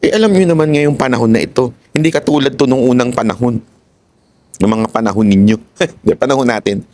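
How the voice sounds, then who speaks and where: A man's voice: mid-range voice, quick pace, darkish tone. A man with a Filipino accent giving casual political commentary, heated and mocking, swearing now and then and switching into English.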